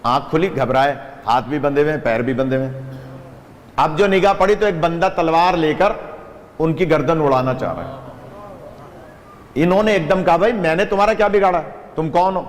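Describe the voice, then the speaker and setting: Slightly high-voiced male preacher, lively storyteller, long hall reverb. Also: long pauses. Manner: lively narration with audience asides. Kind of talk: sermon storytelling.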